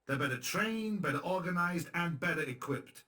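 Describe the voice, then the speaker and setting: An actor plays a resistance leader in a video game, both acting the cutscene and narrating as the character briefs his fighters bluntly, dryly and sarcastically. His voice is high and sharp in tone, animated, and moves at a moderate pace.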